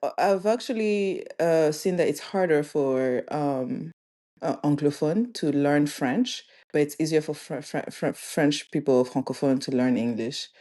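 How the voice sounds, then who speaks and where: A young woman from Rwanda talking about her career as a podcast guest, relaxed and thoughtful, with frequent ums. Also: sits low, measured pace. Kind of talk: casual interview chat.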